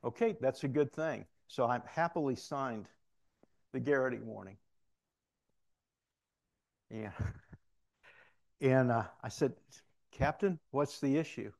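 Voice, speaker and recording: A man's voice: mid-range voice, slow, gravelly, pauses often, a little mellow. A middle-aged man preaching a sermon, telling a personal story and acting out the voices of the people in it. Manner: storytelling, acts out quoted voices with asides.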